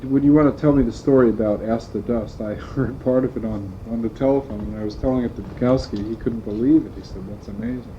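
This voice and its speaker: A man's voice: mid-range voice, fast, hardly any pauses. A man asking questions as an interviewer in a conversational interview. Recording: dull lo-fi tape, faint noise.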